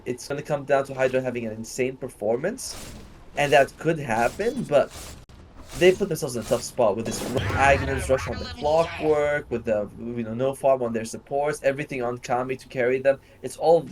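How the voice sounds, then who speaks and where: A man's voice: medium pitch, noisy background. A man giving casual color commentary on an esports match, rambling with lots of fillers and slang. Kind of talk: live game analysis commentary.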